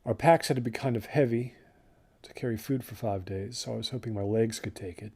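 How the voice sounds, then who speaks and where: In an audio drama done as a naturalistic documentary interview, a man plays a young male student hiker recalling an ill-fated trip. His lowish, warm voice has a soft dark tone, gravelly and slightly rough. He speaks casually and reflectively in a subdued mood, pausing as he remembers.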